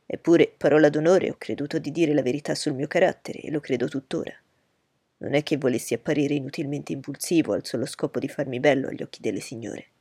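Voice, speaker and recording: A cheerful, open-hearted young gentleman from a storybook reading protests with good-natured emphasis, as a woman reader puts him on. The voice is low with some gravel, and the recording is dry. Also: fast, no echo. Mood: protesting.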